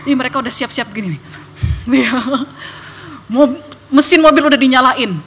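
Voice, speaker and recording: A young woman evangelist giving a lively testimony to a church congregation, acting out voices and sounds as she tells her story. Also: high voice, normal speed. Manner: animated storytelling, acts out voices and sound effects. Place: church hall.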